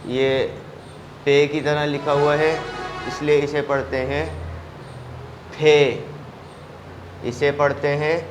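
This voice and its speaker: A man from Pakistan teaching a children's language lesson, sounding out letters slowly and praising the class after each one. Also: fairly high pitch, over music. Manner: slow, drawn-out letter sounds with steady praise. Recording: echoey room, faint ambience.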